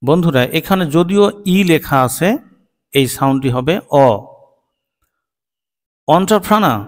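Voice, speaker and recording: A man with a Bengali accent, a native Bengali speaker, teaching English phonics to children, drawing out each word slowly as a drill. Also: on the high side, big-room sound. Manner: slow, drawn-out word-by-word pronunciation drills.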